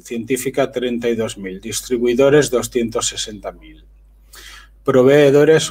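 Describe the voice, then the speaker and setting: A man, reading handwritten documents aloud in a flat, list-like way, with short comments in between. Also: medium pitch, slightly rough. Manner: list-like reading with brief asides. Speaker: channel host. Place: voice-over on a screen recording.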